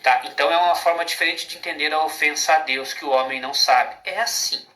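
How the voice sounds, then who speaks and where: A man's voice: on the high side, steady tone, quick pace, sharp tone. A man with a Brazilian Portuguese accent giving an informal spiritual monologue, emphatic and rambling, often asking rhetorical questions. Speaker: spiritual speaker. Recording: roomy echo.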